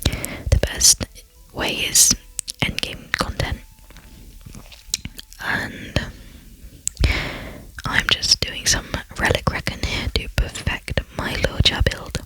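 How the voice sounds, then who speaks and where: Bright, airy whispering gameplay chatter. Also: slow, long pauses, rough recording. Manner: soft rambling chatty whisper with fillers; self-deprecating, lightly giggly asides. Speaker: ASMR gaming channel host. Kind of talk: whispered ASMR gameplay commentary.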